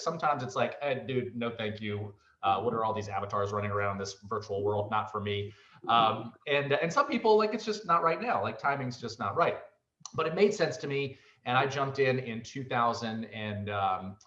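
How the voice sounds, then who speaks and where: Man in his forties, chatty, fast presentation, roomy echo, dull lo-fi sound. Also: mid-range voice, a bit bright. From Virginia, United States. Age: 40s. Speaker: real estate presenter. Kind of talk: casual presentation.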